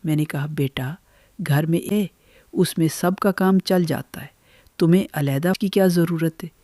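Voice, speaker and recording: Older woman gently narrating her own story. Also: low-pitched, dry recording. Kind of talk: first-person story narration.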